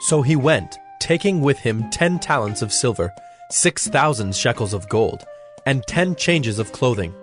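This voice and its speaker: Man reading scripture over soft music. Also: mid-range voice. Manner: measured, even reading. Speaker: scripture reader.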